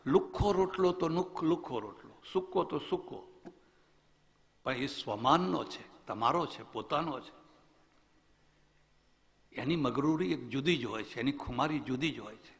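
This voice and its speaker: A man's voice: a little high, creaky, in a large hall. A man, a swami, giving a religious discourse as a storytelling preacher who asks rhetorical questions.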